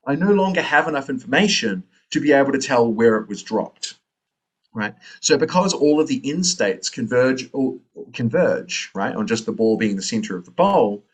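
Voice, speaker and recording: New Zealand man giving a lecture. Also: mid-range voice. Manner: thinking aloud, many fillers and tag questions. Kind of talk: academic lecture.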